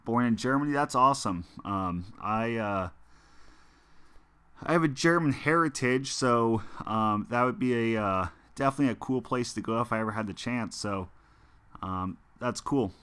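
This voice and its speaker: During a casual stream of a mobile football game, a young American chats with his viewers in a rambling way, full of fillers and restarts. He talks at a normal speed in a mid-range voice that is a bit bright, clear, and resonant.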